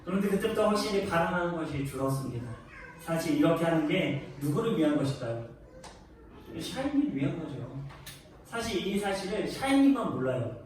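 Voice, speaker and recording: A man's voice: a little high, very animated, a little fast, a little mellow. A man preaching a sermon as a pastor, telling a family story in an earnest way that rises to emphatic peaks. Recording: echoey church hall, distant mic, faint noise.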